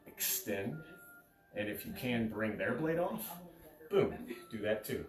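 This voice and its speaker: A man's voice: lowish voice, lively intonation, slow pace, faint music behind. A man in his thirties explaining fencing technique in a casual, informal instructional style. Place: carpeted living room. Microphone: camera several steps away. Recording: echoey room, distant from microphone.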